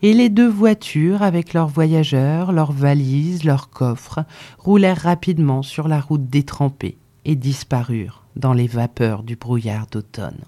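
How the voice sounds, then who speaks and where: A narrator reading a literary story aloud in a measured way. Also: mid-range voice, warm tone. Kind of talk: scripted narration.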